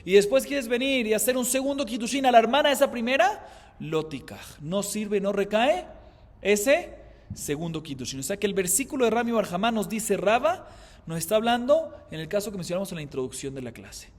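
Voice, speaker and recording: A Colombian rabbi teaches a Talmud class in a voice that sits high and swings widely in pitch, sounding like a big room. He explains by asking and answering his own questions and slowly chants Aramaic quotations.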